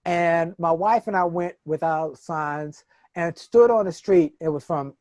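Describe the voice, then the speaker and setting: A man's voice: on the high side, a little slow, darkish tone, no room sound, studio quality. A middle-aged man from Washington, D.C., telling stories in an interview with an emphatic, preacher-like cadence and heavy stresses. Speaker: motivational speaker, interview guest. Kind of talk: conversational interview storytelling.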